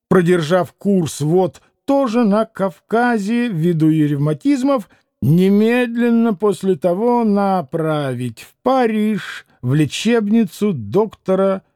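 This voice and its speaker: A man's voice: high voice, warm tone, dry recording, studio quality. A man reading the part of a haughty, impatient male doctor who speaks in curt, clipped phrases.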